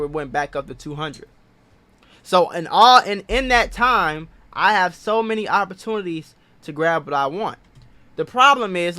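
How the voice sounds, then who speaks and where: A man's voice: fairly high pitch, pushed and bright. A man hosting a casual investing explainer, talking in an emphatic, repetitive and self-assured way. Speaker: finance video host.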